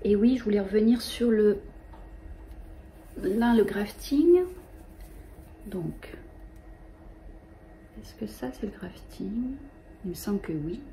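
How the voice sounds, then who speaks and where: A middle-aged woman, hosting a knitting show in a casual, halting way with many fillers. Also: medium pitch, expressive, warm tone, slight background noise. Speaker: knitting podcast host.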